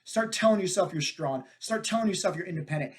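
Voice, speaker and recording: A man with a fairly high voice hosts a fitness podcast, speaking straight to his listeners. He tells stories in a loose, energetic way and keeps checking in with "right?" and "like". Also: fast. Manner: energetic, talks to listeners with frequent "right?" and "like" fillers. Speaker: podcast host and fitness coach. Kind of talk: casual storytelling monologue.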